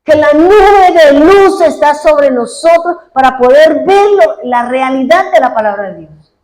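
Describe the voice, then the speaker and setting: A woman's voice: high-pitched, expressive, measured pace, a little mellow. A woman pastor preaching a fervent sermon, retelling what congregants said and praying aloud as she goes. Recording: echoey room.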